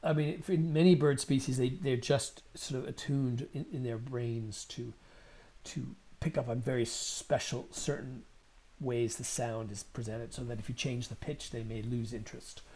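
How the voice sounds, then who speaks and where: A man's voice: mid-range voice, steady tone, normal speed, warm tone, husky. A man in conversation as an interview guest, talking in a thoughtful, rambling way and often repeating words while he thinks. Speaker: musician and guest.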